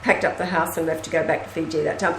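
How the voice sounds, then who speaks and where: Animated woman in an echoey room. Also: deep voice, fast talker. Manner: animated storyteller, acts out quoted speech. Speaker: host. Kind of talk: casual conversation.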